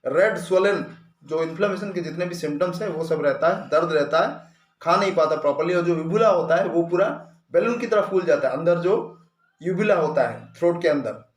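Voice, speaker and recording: A man's voice: fairly high pitch, moderate pace. A male homeopathy doctor giving a clinical lesson in Hindi, explaining symptoms plainly and mixing in English medical terms. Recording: echoey room.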